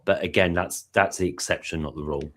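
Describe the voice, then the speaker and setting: A man's voice: low-pitched, fairly even intonation, quick pace. A British man in casual live-stream chat, explaining at length with many fillers and restarts. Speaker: panel guest.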